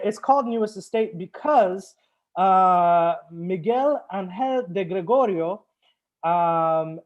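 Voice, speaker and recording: A man's voice: sits high, darkish tone. A man hosting a live-streamed wine tasting as a sommelier, talking casually and upbeat with frequent fillers. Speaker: sommelier and show host.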